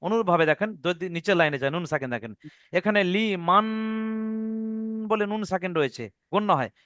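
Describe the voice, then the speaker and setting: A man's voice: high voice, animated, a little fast, bright, forceful tone, no echo, clean studio sound, faint music behind. A man teaching Quran recitation rules in an online lesson, patiently repeating each rule and checking that his students follow.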